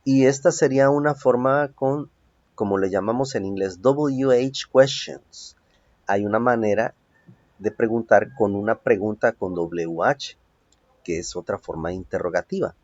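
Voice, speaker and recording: A man's voice: on the low side, normal speed, darkish tone, dry recording. A man with a Mexican Spanish accent teaching an English lesson from home. He explains step by step and keeps checking in with "ok?". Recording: dull lo-fi home recording.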